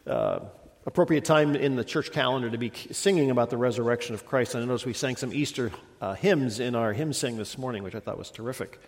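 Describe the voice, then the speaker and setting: A middle-aged male pastor with a slight head cold preaches a sermon in a church sanctuary, conversational and meandering, often restarting. His voice is medium-pitched and a little mellow, carried by the long reverb of a church hall.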